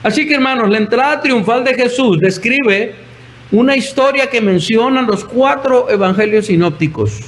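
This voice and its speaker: A man's voice: extremely high pitch, moderate pace, poor audio. A male pastor preaching a sermon, telling the story and acting out the voices in his quotes.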